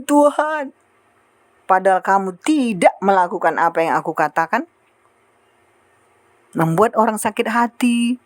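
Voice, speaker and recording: Woman preaching an animated sermon. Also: on the high side, dry recording. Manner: animated preaching, acting out quoted prayers and remarks.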